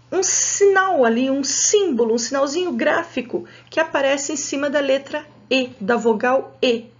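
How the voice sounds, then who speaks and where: A woman teacher with a Brazilian Portuguese accent giving a patient, clearly articulated lesson to adult students, spelling out sounds. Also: high voice, lo-fi sound.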